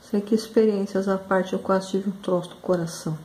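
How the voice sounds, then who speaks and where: A woman's voice: medium pitch, steady tone, brisk, mellow. A woman hosting a craft channel who chats through a story while she paints, talking emotionally and often calling out to her viewers. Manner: emotional, exclamatory, addresses viewers as "gente".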